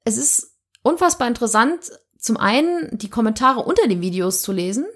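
A woman co-hosting a casual podcast, explaining things in a quick, eager way. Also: on the high side, sing-song, fairly bright tone. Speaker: podcast co-host. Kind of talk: casual chat.

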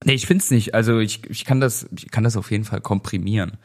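Nachdenklicher Mann im Podcast-Plausch. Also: male voice, fairly low pitch, fast. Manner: hesitant, thinks aloud while searching online. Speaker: podcast co-host. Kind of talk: casual podcast chat.

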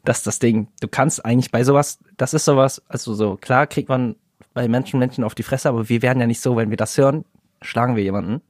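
A man's voice: medium pitch, steady tone, fast, darkish tone, no echo, clean studio sound. A young man co-hosting a podcast in casual chat, slangy, laughing often as he tells stories. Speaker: podcast co-host.

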